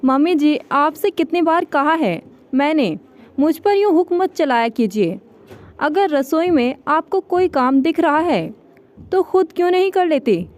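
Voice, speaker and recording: A woman's voice: high-pitched, animated, a little slow. A woman voicing a rude, scheming young wife. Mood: angry. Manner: sharp and scolding to her mother-in-law, sweet to her husband.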